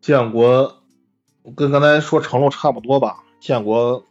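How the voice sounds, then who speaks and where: A man's voice: mid-range voice, steady tone, a little slow, lo-fi sound, faint music behind. A man co-hosting a casual talk podcast, blunt and dry, swearing now and then. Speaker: podcast co-host. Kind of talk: casual chat commentary.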